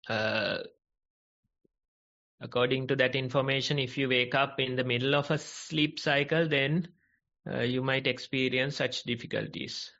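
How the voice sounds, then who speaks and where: A Sri male monk answers questions in a measured, gently advising way, taking his time over every phrase. His voice sits at an ordinary pitch. The sound is muffled, as over an online video call. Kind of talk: calm teaching Q&A on an online call.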